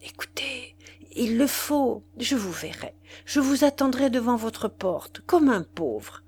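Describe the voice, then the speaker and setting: Ardent young man, pleading lover, urgent, insistent, storybook reading, woman reading the part, highish voice. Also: lively intonation, slow, a little mellow, slight background noise.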